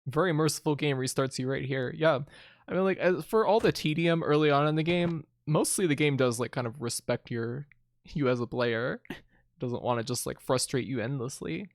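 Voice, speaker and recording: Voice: medium pitch, moderate pace, no room sound, studio quality. A video game streamer giving casual, wry, joking commentary on a playthrough.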